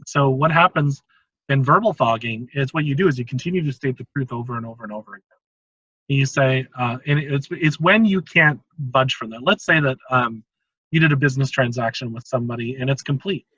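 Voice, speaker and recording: A man's voice: mid-range voice, fairly quick, sharp tone, slightly rough, no room sound, highs cut off. A man hosting an interview, explaining conversation techniques in a casual, teaching way with frequent chuckles. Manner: explanatory, chuckles often between points. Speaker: host.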